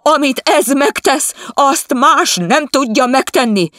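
A man voicing a shrill, tearful, demanding middle-aged woman, high-pitched and pleading in an audiobook. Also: expressive, no room sound, studio quality. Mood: shrieking. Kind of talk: audiobook character voice.

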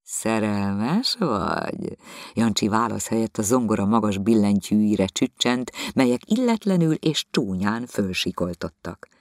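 A man reading literary prose aloud as an audiobook narrator, measured and expressive. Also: lowish voice, no echo, clean studio sound.

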